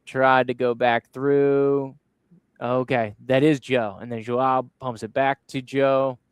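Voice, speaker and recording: A man hosts a casual soccer recap, narrating each goal clip with upbeat play-by-play energy. His voice is smooth and clear. The recording is dry and close, with no room sound. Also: mid-range voice, level tone, slow pace, dry recording. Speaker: podcast host. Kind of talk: casual sports recap chat.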